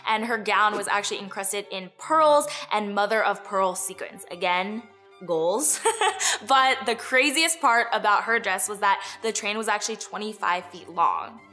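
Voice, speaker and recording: A woman's voice: medium pitch, unhurried, pushed and bright, faint music behind. A young woman hosting a beauty news segment, chatty and bubbly, laughing often. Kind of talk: upbeat beauty segment presenting.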